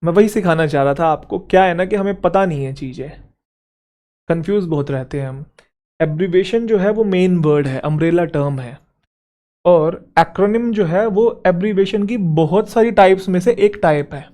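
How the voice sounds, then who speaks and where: A man teaching English grammar for exam preparation, explaining step by step and checking in with quick rhetorical questions. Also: sits high, warm tone. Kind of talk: Hindi exam-prep lecture.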